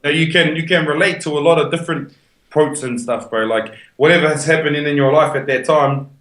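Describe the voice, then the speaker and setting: A man's voice: a little high, brisk, fairly bright tone. A man with a broad New Zealand Māori English accent chatting casually and slangily as a podcast guest. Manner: slangy, peppers speech with "bro" and "you know". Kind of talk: casual chat. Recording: echoey room.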